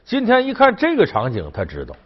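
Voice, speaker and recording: A man's voice: high-pitched, huge pitch swings, a little fast, slightly rough. A man telling an old legend in a casual, chatty storytelling style, acting out the quoted lines. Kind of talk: casual folk-tale storytelling. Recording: dull lo-fi recording with long reverb.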